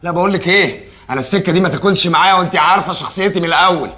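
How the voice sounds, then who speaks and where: A man's voice: sits high, racing, sharp tone. An actor playing a possessive Egyptian man who mocks his girlfriend out of jealousy. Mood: jealous. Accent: Egyptian Arabic. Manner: jealous, sarcastic and blustering. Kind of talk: TV drama acting.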